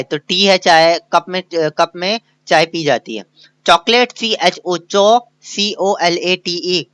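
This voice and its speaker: A male kindergarten teacher, walking through a worksheet, spelling each English word letter by letter and translating it, slowing down to model sentences. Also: high voice, sharp tone, smooth, no echo. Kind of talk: recorded worksheet lesson.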